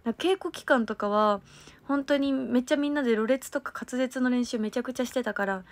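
A woman's voice: a little high, a little fast, no room sound. A young woman hosting a casual livestream, rambling and thanking viewers, her diction slightly slurred. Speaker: livestream host and stage performer.

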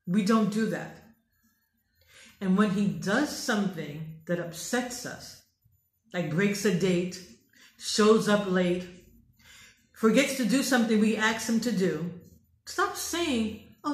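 An American woman speaking as a dating coach, giving emphatic, preachy advice and repeating her phrases for emphasis. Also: a little high. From United States. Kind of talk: direct advice monologue. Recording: roomy echo.

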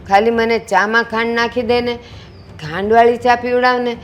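A woman's voice: a little high, fairly even intonation, moderate pace, lo-fi sound, slight background noise, natural voice. An actress playing a frail elderly mother-in-law who pleads plaintively for sweet tea. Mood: pleading. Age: older.

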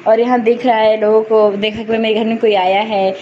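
A woman's voice: on the high side, little pitch movement, a little fast. A woman at home in playful, sing-song baby talk with a toddler. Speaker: family member playing with a toddler. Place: at home indoors. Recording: dull lo-fi sound with loud background noise.

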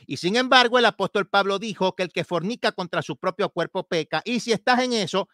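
A man preaching in a combative, scolding style, mocking his critics and shifting between quick rebukes and slow, deliberate explanations. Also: high voice, bright, forceful tone, dry recording, studio quality. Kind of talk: sermon-style commentary.

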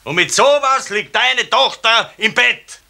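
An actor playing a gruff, sarcastic village father in a 1970s radio drama. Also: extremely high pitch, animated, unhurried, bright, forceful tone, exaggerated voice. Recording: hissy 1970s radio play tape.

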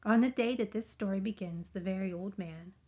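A woman reading a children's picture book aloud, gentle and expressive, often dropping into soft whispers. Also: medium pitch, brisk. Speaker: storybook reader.

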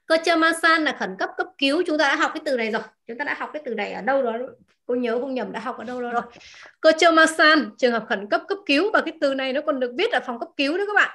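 Bright high-voiced woman teaching vocabulary. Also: expressive. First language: Vietnamese. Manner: repeats words slowly, asks the class questions. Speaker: language teacher. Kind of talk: explaining vocabulary to a class.

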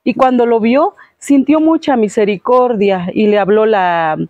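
A woman retells a fairy tale in a relaxed, homely way, full of little fillers and restarts. Her voice sits a little high and the sound is close and dry. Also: a little slow, no room sound, highs cut off. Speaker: host retelling a story. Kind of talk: casual storytelling.

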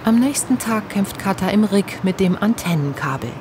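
A woman reading the scripted narration of a television documentary in a calm, even way. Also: mid-range voice, normal speed, noisy background.

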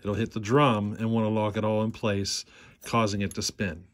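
Guy at a workbench walking you through a fix, lowish voice, easygoing, keeps saying see how. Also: flat delivery, a little hiss or hum. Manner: plain, unhurried explaining with frequent "see how" prompts. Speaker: chainsaw repair channel host. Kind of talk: hands-on repair demonstration. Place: workshop bench.

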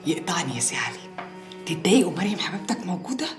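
A woman's voice: fairly low pitch, fast talker, roomy sound, music in the background. A doting, nosy Egyptian woman. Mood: coaxing. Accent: Egyptian Arabic. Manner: coaxing, expressive. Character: doting, nosy woman fussing over a man.

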